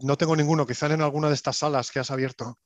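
A man's voice: a little high, steady tone, very fast, no echo, close to an everyday voice. A man from voicing an anxious, protective male survivor on a space station, speaking urgently.

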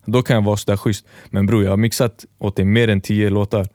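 Low-voiced man telling a rambling story. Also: level tone, darkish tone, no room sound, studio quality. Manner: rambling storyteller, acts out quoted dialogue. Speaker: podcast co-host. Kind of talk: casual chat.

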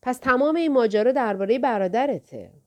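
A woman narrator voicing a calm, firm older woman librarian who reasons patiently. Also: on the high side, lightly acted.

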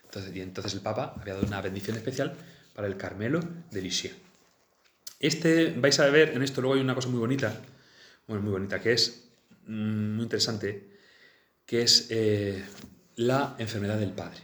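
A man's voice: fairly low pitch, moderate pace, pauses often, fairly bright tone. A man telling a saint's life, reading passages and chatting about them with many fillers and restarts. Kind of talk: storytelling talk mixing reading and comment. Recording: roomy echo.

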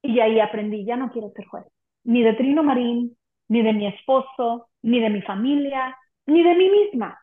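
A woman's voice: on the high side, normal speed. A woman guest giving an earnest, emotional personal testimony of faith in an interview. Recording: echoey room on a tinny phone-like line.

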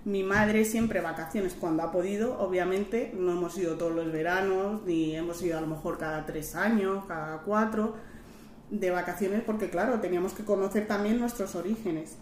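A woman's voice: medium pitch, moderate pace, darkish tone, a little hiss or hum. A young woman, a podcast guest telling personal stories in a reflective, conversational way. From Spain. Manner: reflective, storytelling. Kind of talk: casual conversational interview. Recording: roomy echo.

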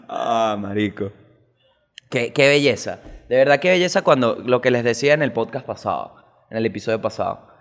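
A man with a Venezuelan accent who hosts a comic news show and rants fast, swears a lot, and jumps sharply in pitch. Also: in a large hall. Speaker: host.

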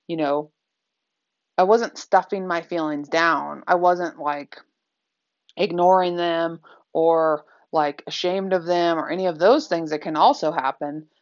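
A woman's voice: on the low side, lo-fi sound. A woman speaking candidly in a reflective personal talk, conversational and full of fillers.

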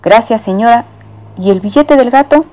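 A woman's voice: on the high side, moderate pace, warm tone, slight background noise, voice pushed up, lightly acted. A woman voicing a formal, dutiful male train ticket inspector in a storybook reading. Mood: businesslike.

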